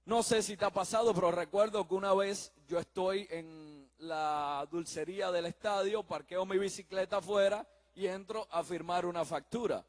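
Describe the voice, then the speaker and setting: Earnest high-voiced male preacher. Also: fairly even intonation, normal speed, few pauses, big-room sound. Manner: earnest, tells anecdotes, addresses listeners directly. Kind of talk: sermon with storytelling.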